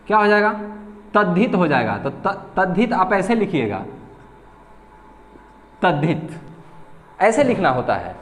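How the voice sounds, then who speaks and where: A male teacher giving a slow board lesson on grammar, repeating and spelling out each syllable. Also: high-pitched, a bit bright. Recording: echoey room with long reverb.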